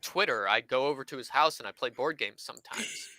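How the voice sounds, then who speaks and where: A man in his twenties, a podcast guest, telling an animated anecdote and acting out what others said. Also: medium pitch, a little fast, no echo, rough recording. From Southern California. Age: 20s. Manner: animated anecdote teller, acts out quoted voices. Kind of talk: casual storytelling chat.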